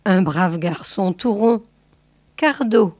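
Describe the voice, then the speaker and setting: A woman voicing a modest, thrifty male painter who answers plainly and calmly. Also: medium pitch, slow pace, no echo.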